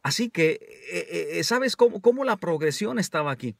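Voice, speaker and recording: High-voiced man preaching a sermon. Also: animated, moderate pace, creaky, dry recording, studio quality. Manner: conversational preaching, addresses listeners as brothers, frequent hesitations. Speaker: pastor.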